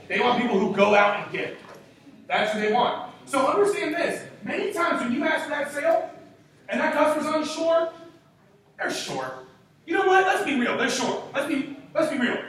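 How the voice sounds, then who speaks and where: In a very echoey room with a distant mic and faint hiss, a man in his twenties gives a sales training talk to a group. His voice is very high, animated and fairly bright, moving at normal speed with frequent pauses. He's emphatic and punchy, firing off rhetorical questions and swearing casually.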